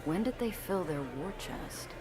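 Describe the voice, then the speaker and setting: An actor playing a cynical, world-weary noir detective who narrates his own case in a brooding, measured way for a video game. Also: high voice, music in the background. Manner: hard-boiled, brooding, flatly measured.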